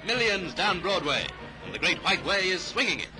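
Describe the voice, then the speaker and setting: Speaking at a moderate pace with big pitch swings, a high-pitched British man gives clipped, scripted commentary as a 1930s newsreel narrator. The vintage soundtrack is roughly recorded and carries music behind him.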